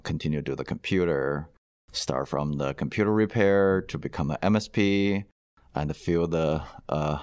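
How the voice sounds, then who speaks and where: Guy in his 50s, really low voice, dry close sound, talks loose with lots of uh and you know. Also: dry recording. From China. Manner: loose, chatty, many fillers and laughs, non-native grammar. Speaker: guest, company founder. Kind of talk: casual interview chat.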